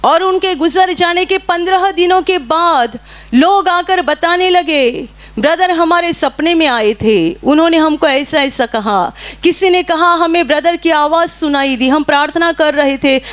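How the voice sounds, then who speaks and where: A woman's voice: high voice, unhurried, fairly bright tone. A woman preacher giving a sermon, telling a story earnestly and repeating hallelujah.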